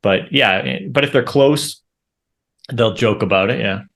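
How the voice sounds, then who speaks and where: A man's voice: mid-range voice, unhurried, gravelly, a bit bright. A man hosting an interview, answering thoughtfully and hedging with frequent ums and maybes. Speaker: host. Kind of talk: casual conversational interview.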